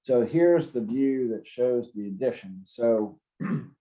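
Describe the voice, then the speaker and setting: A man's voice: mid-range voice, animated, slow, warm tone, rough recording. A man giving an informal, explanatory presentation as city zoning staff, plain-spoken and a little hesitant.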